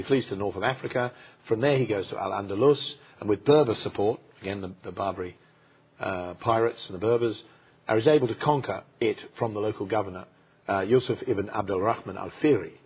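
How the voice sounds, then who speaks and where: A man co-hosting a history program, talking through events without a script, with many pauses, fillers and restarts. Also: fairly low pitch, husky. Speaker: co-host, history presenter. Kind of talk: unscripted history talk. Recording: dull lo-fi sound.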